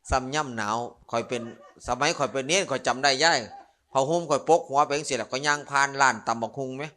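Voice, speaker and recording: Joking monk with an Isan accent. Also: male voice, mid-range voice, steady tone, fast talker, pushed and bright. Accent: Northeastern Thai (Isan). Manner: joking, storytelling, playful asides to the audience. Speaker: Buddhist monk preacher. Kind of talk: humorous Dharma sermon.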